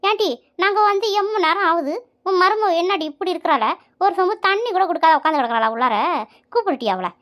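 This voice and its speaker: A woman's voice: extremely high pitch, animated, quick pace, muffled recording. A woman voicing nosy bossy old village woman. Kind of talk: cartoon voice acting.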